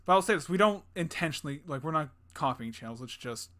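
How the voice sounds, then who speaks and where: A young man co-hosts a podcast in casual, rambling chat, laughing often and swearing casually. His voice is a little high and fairly bright, and he talks fast in an animated way.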